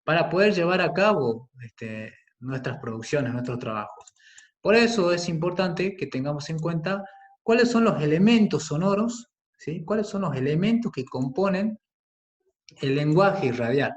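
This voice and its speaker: A man teaching a class on radio production, speaking slowly and deliberately and often checking in with his listeners. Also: a little high, animated. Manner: patient, with frequent "¿sí?" and "¿bien?" checks; slow and deliberate on key words, with some fillers.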